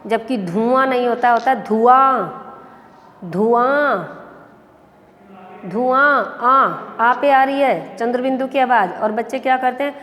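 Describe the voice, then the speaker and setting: A woman schoolteacher giving a recorded lesson to young pupils, explaining slowly and patiently with repeated examples. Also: fairly high pitch, a bit bright. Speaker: school teacher. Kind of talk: recorded online class lesson. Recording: long reverb of an echoey room.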